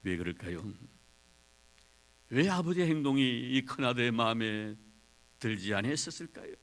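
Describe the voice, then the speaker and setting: A man preaching a sermon as pastor, retelling a story dramatically with big swings between quiet and loud. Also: medium pitch, expressive, normal speed.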